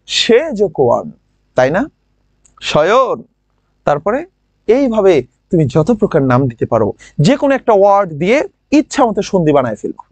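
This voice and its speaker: A man with a regional Bangladeshi lilt teaching a grammar class online. He drills words by saying them slowly again and again and keeps asking his students questions. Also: high voice, wildly swooping pitch, dry recording. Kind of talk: online admission-prep class.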